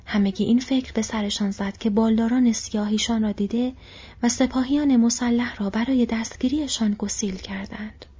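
A woman narrating an audiobook in a soft, hushed, near-whispered storytelling voice. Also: fairly high pitch, steady tone, breathy edge. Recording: dull lo-fi recording.

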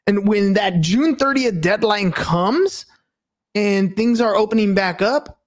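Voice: medium pitch, expressive, slow. A speaker in a casual debate who talks hesitantly, asking questions and often restarting sentences. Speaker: conversation partner.

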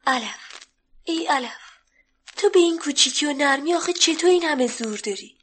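Casting: a tiny, earnest storybook sparrow with a high voice, radio play. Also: female voice, lively intonation, fairly bright tone, slight background noise. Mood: pleading. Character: small pleading young sparrow. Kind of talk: 1970s children's radio story acting.

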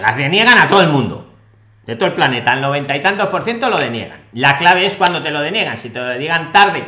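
A man with a Spain Spanish accent hosting a live Q&A on a video call, friendly and brisk, steering callers straight to the point. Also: fairly high pitch, sharp tone, echoey room. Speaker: host of a live Q&A on immigration law.

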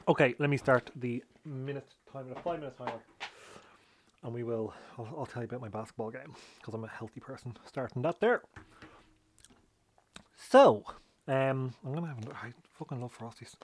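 A man in his thirties reviewing cereal in a casual, rambling chat, swearing now and then and talking while he eats. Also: mid-range voice. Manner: chatty, swears, talks while eating.

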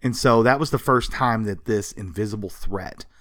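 Co-hosting a podcast, a man casually recounts comics history, explaining it emphatically and conversationally. His voice is lowish and a bit bright, with a moderate pace. The studio recording is clean and free of echo.

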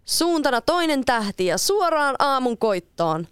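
A woman's voice: high-pitched, big pitch swings, smooth, dry recording, studio quality, voice pushed up. A woman voicing a cheerful, adventurous boy in a read-aloud storybook, confident and playful. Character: cheerful adventurous boy who never grows up.

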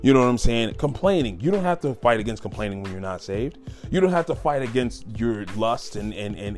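A man's voice: mid-range voice, darkish tone. A man giving an informal sermon, emphatic and full of rhetorical questions. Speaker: lay preacher.

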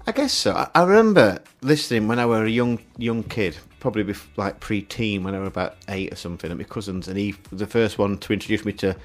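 A slightly low-voiced man co-hosts a radio show. He talks in casual, rambling chat and drifts into long stories. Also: lively intonation, fast talker, hardly any pauses, faint music behind. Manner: chatty, rambling storyteller. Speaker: radio co-host.

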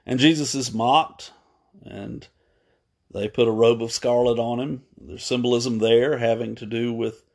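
Unhurried man preaching a sermon. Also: medium pitch, steady tone, vocal fry. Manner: unhurried, pausing with fillers and self-corrections. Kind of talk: unscripted sermon retelling.

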